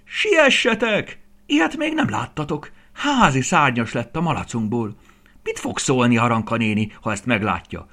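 A man voicing a cocky rooster who crows out excited announcements in a shrill, high voice. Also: heavily acted. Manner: shrill excited crowing calls. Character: cocky crowing rooster, male.

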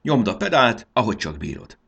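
A man reading aloud and voicing a young fairy girl who is bossy, lively and urgent. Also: deep voice, gravelly, breathy edge, voice pushed up, exaggerated voice. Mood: eager, bossy.

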